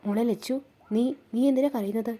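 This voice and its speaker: A woman's voice: mid-range voice, steady tone, fast talker, warm tone, natural voice. A woman voicing a worried young seamstress who pleads and frets. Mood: anxious. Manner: pleading, anxious questions.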